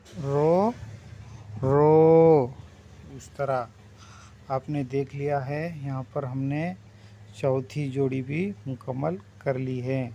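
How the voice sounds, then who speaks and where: Slow, patient man teaching vowels. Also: on the high side, mellow. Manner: patient, drawn-out vowel demonstrations. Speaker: language teacher. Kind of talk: slow spoken language lesson.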